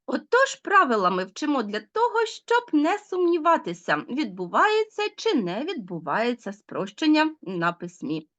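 A woman with a high voice and wildly swooping pitch teaches an online language lesson to schoolchildren, patiently explaining things and asking them questions. She speaks unhurriedly with few pauses, and her fairly bright tone has the highs cut off.

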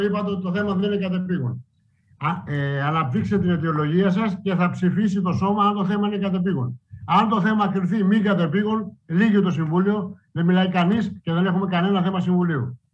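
Male council chair, high-pitched, insistent, repeats orders; muffled chamber audio. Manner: insistent, repeats commands, raises voice when interrupted. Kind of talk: heated council meeting debate. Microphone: desk microphone.

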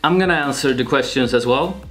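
A young man with a Swedish accent, talking slowly and casually to camera in a home vlog, with many pauses and fillers. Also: mid-range voice, faint music behind. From Sweden. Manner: slow and relaxed, with frequent pauses and fillers. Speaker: YouTuber. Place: small home room with shelves, indoors. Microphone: camera-mounted shotgun mic.

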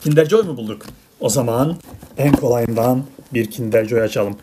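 A woman with a rumbling low voice speaks at normal speed while unboxing toys at an indoor table. As the parent host, she chats casually and with playful exasperation to a child and viewers, and the home recording is clearly noisy and full of clicks.

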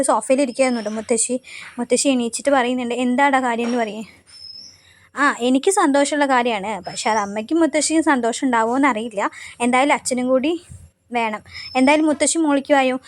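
A woman casually retelling a TV serial episode, quoting the characters in a chatty way. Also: on the high side. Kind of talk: casual spoken recap of a TV serial.

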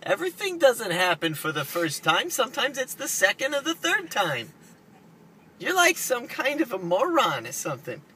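A man's voice: wildly swooping pitch, moderate pace, sharp tone, heavily acted. A man voicing a chatty, easily flustered older woman who talks over people with condescending endearments on an improvised prank call. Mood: sassy. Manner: interrupting, calls listener sweetheart and honey. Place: inside a parked car. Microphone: camera across the front seat. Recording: noisy car interior, vehicle rumble.

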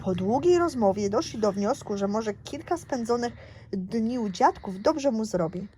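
A woman reading a children's book aloud slowly and carefully, pausing to ask a child questions. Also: a little high, lively intonation, mellow, a little hiss or hum. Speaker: reader to a child.

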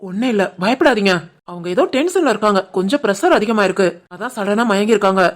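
A reassuring cartoon doctor who explains things steadily, voiced by a woman. The delivery is quick and patient, with a mid-range voice and a Tirunelveli Tamil accent. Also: medium pitch, animated, natural voice. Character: calm reassuring male hospital doctor.

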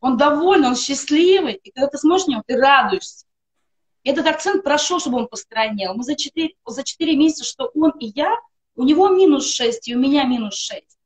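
A live-stream guest, a middle-aged woman speaking briskly and expressively in a voice that sits high, testifies earnestly about a wellness product. She's on a video call from a room in her house, rattling off emphatic lists.

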